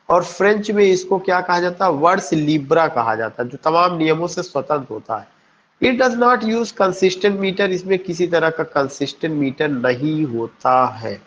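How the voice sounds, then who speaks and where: A male teacher giving a lecture, reading lines slowly, then explaining them and answering his own questions. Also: high voice, lo-fi sound, slight background noise. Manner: reads English text slowly, then explains in Hindi; spells words out letter by letter. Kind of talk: classroom lecture on English poetry.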